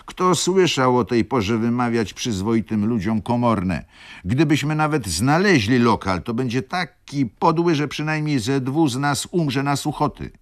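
A man's voice: low-pitched, huge pitch swings, a little slow, pitched above the performer's own voice, heavily acted. A sugary, mocking young lodger, done by a man. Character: insolent young male student lodger.

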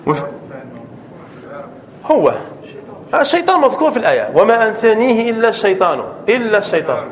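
A man, a sheikh teaching a classroom grammar lesson, quizzing his students and drawing out examples slowly. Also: high-pitched, very animated.

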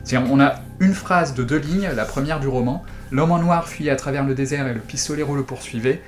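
A man's voice: medium pitch, a little fast. A man hosting a casual, analytical discussion as a critic. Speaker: host and film critic.

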